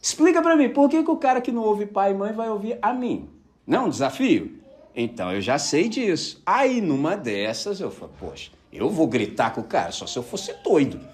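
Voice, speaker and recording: Speaking in a high voice and a little fast, a man delivers a casual sermon full of personal stories. He's an animated storyteller who keeps checking whether his listeners are following along.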